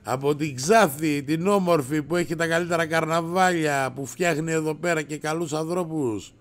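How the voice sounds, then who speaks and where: A middle-aged man hosting a casual livestream, brash and rowdy, swearing and raising his voice as he answers viewers. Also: fairly high pitch. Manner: raises his voice to shout.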